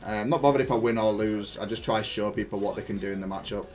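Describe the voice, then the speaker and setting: Soft music plays behind a man with a low-leaning, darkish voice who talks fast. He's a gaming YouTuber breaking down his own match, reasoning through it aloud in gamer jargon.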